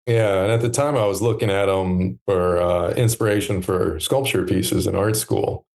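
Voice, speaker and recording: A man in his thirties, a podcast guest talking in a relaxed, reflective way with many pauses and fillers. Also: deep voice, vocal fry. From United States. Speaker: podcast guest, stand maker. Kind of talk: relaxed conversational interview.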